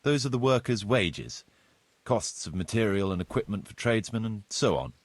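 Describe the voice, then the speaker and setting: A male actor gives voice to a video game's medieval village steward, a courteous, businesslike figure who explains duties in a measured, formal manner. The delivery is explanatory and animated, in a lowish, slightly husky voice.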